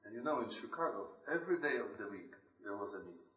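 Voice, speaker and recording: A man's voice: lowish voice, big pitch swings, fast talker, a bit bright. A man from Poland, a lay preacher giving an earnest, emphatic scripture reading and devotional talk at a church meeting. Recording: roomy, distant, dull church recording.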